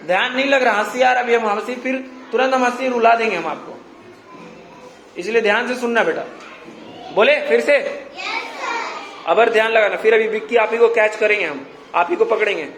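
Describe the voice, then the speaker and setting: A male teacher drills his class with the same questions again and again and scolds them mildly for not listening. He is recorded in a classroom full of echo, with steady noise behind him. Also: high voice. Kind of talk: classroom English grammar lesson. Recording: echoey classroom with background noise.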